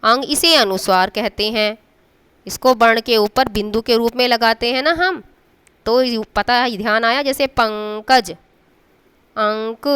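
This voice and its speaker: Woman teacher, a bit high and very clear voice, patient, stretches sounds slowly and keeps checking in with the class. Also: fairly bright tone. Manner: patient, draws out sounds to demonstrate them. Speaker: school teacher. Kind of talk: classroom Hindi grammar lesson.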